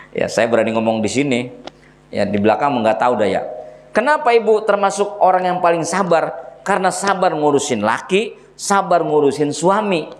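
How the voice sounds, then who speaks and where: Animated preacher. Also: male voice, on the high side. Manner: animated storytelling, addresses listeners directly. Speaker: Islamic religious teacher. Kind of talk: lively sermon with jokes to the congregation.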